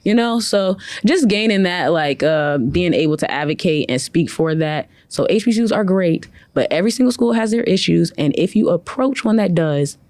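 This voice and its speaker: A woman's voice: lowish voice, animated, moderate pace, few pauses, a little mellow, no room sound. A young woman from Cleveland, a guest in a casual interview, talking freely with many "like" fillers. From from Cleveland, Ohio. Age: young adult. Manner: chatty, full of "like" fillers.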